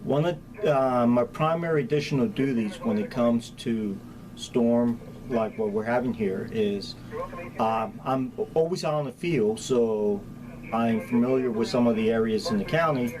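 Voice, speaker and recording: The county hazardous materials chief, middle-aged with a Spanish accent, is interviewed informally and keeps his answers plain and practical. He talks a little slowly at a medium pitch; the recording is poor, with steady background ambience clearly present.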